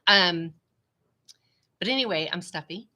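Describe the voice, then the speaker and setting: A live-streaming vlogger talks casually to viewers from her home computer, rambling and frequently saying "y'all," while her nose is stuffy and congested. Her lowish voice is expressive, pushed and bright, at a measured pace, with a small webcam adding a little hiss or hum.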